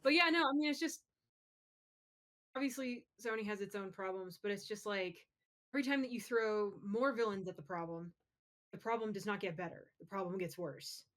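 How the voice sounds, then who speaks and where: A podcast co-host with a mid-range, fairly bright voice talks at normal speed in casual, opinionated pop culture commentary. She's emphatic and swears freely.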